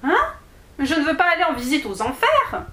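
A woman's voice: sits high, animated, measured pace, a bit bright, pitched above the performer's own voice. Alice, a stubborn little girl, as a woman reads her. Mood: eager. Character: six-year-old girl, stubborn and eager.

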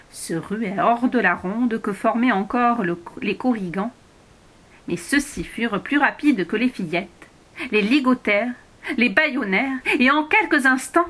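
A woman reading a children's story aloud as narrator, slow and clear. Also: a little high, a bit bright.

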